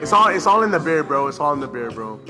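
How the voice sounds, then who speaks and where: A man's voice: fairly high pitch, big pitch swings, quick pace. A man co-hosting a podcast in casual, jokey, boastful banter, peppering his slangy talk with "bro". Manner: slangy, says bro constantly. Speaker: podcast co-host. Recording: music behind the voice. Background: music.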